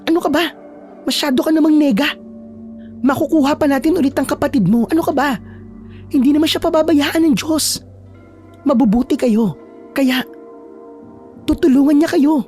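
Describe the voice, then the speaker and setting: A woman voicing a feisty young woman who is a loyal friend, talking in a brisk, scolding but reassuring way. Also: sits high, darkish tone, faint music behind, close to an everyday voice. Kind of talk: storytelling with acted dialogue.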